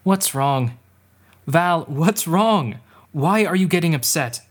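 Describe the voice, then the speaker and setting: A man in a student radio drama playing a gentle, patient uncle who speaks calmly and reassuringly. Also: fairly high pitch. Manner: calm, reassuring, measured.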